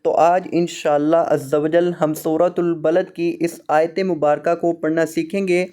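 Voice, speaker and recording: A man teaching Quran recitation, spelling words slowly letter by letter and drawing out each sound. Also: fairly high pitch, flat delivery, dark tone. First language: Urdu. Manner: slow, drawn-out letter-by-letter spelling.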